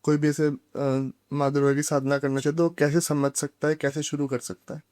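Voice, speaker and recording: Man, podcast host, soft-spoken questions, slightly high pitch, dry close sound. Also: flat delivery, moderate pace, no echo. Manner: soft-spoken, frequent brief acknowledgements. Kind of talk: interview questions.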